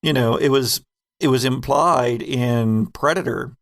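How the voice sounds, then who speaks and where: In a casual look back, this podcast host, who also works as a game master, rambles and digresses as he explains things. He speaks at a measured pace in a medium-pitched, slightly bright voice, recorded dry with clean studio sound.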